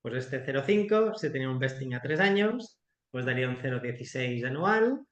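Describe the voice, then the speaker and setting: A man's voice: medium pitch, brisk, reverberant. A man, an investor explaining startup equity frankly and colloquially on a video call. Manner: frank, colloquial, animated explanations with quoted asides. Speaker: startup investor and guest expert. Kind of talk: explanatory webinar talk.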